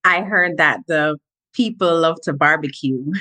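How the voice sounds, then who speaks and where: A woman's voice: low-pitched, a little slow, sharp tone, no echo. A woman from Jamaica, a registered nurse, speaking easily as a guest in a casual interview.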